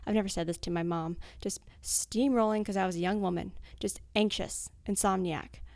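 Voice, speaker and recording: Blunt, gravelly young woman, dry close sound. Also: medium pitch, fairly even intonation, normal speed, darkish tone, no room sound. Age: 20s. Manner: blunt, frank, swears freely. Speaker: anonymous interviewee. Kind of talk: candid recorded interview, cut into fragments.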